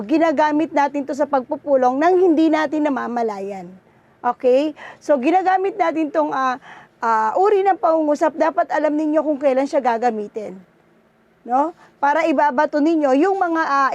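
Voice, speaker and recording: A woman's voice: high-pitched, highs cut off. A woman teacher with a Filipino accent, giving a lesson and checking in with her pupils with frequent "no?" and "okay?". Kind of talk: online class lesson.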